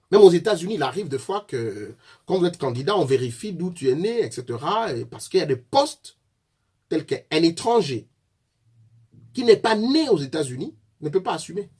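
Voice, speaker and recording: A man's voice: sits high, darkish tone, husky. A man from Congo with a Congolese French accent gives a fiery political address, accusing his opponents directly. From Congo (DRC). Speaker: political activist.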